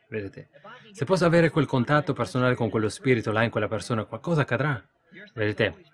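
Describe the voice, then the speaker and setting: A male preacher delivers a sermon in an emphatic, driving way. His voice sits at an ordinary middle pitch and he keeps turning to the listeners with "see?". As he tells his stories, he builds to excited heights. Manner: emphatic, frequent "see?" asides. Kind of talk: sermon with questions and answers.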